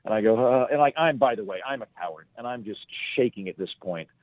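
A man's voice: fairly low pitch, lively intonation, fast talker, dry recording. A male comedian telling a rambling, self-deprecating story as a podcast guest, on a tinny, dry phone-like line.

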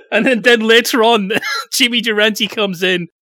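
A man co-hosting a film review podcast, chatting in a sardonic way and tossing in silly quick voices. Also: high voice, fairly even intonation, sharp tone, no echo, clean studio sound. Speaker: podcast co-host. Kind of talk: casual film review chat.

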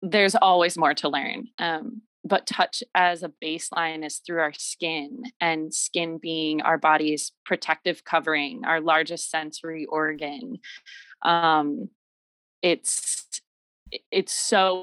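A woman guest on a podcast talks about her work in a slow, measured way. Her voice sits a little low, earnest and reflective, sprinkled with ums. The recording is dry and close. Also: a bit bright, no room sound, poor audio. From Michigan. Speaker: podcast guest, massage therapist. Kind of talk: casual interview talk.

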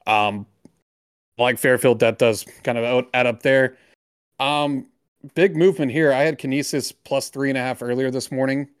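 A man's voice: mid-range voice, fairly even intonation, normal speed, smooth, dry recording, clean studio sound. A man co-hosting a sports betting podcast, talking through picks in a loose, profane way and dropping his voice on asides. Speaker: podcast co-host. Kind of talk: casual sports betting talk.

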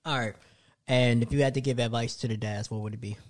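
A man's voice: mid-range voice, fairly even intonation, quick pace. A man hosting a podcast, asking short questions and teasing his guest. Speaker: podcast host. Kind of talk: casual interview chat.

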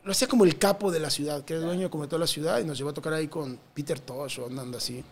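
Fast-talking high-voiced Mexican man. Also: a little hiss or hum. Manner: animated, slangy, swears freely. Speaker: touring musician guest. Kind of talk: casual storytelling interview.

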